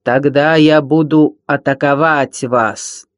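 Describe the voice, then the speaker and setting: A man voicing a hairy male space pirate villain who brags and threatens loudly in a slightly raised voice. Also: fairly high pitch, steady tone, takes it slowly, no echo, clean studio sound. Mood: demanding. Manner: loud, bragging, whiny threats.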